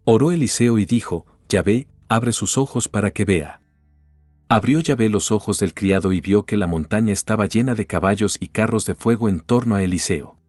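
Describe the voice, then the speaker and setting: A man reading a Bible passage aloud in a steady, measured narration style, with the quoted lines barely acted. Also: lowish voice, dry recording. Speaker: Bible reader.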